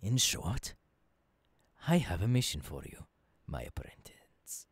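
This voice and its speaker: An earnest futurist professor, acted by a man, guides an apprentice in an intimate ASMR roleplay. His husky voice moves slowly in halting phrases and swings widely between hushed lows and emphatic rises. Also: sing-song, dry recording, full character voice. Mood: eager, instructing. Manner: slow, deliberate, halting phrases dropping into whispers. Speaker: voice actor. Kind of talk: ASMR audio roleplay, intimate second-person monologue. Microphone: close microphone, dry.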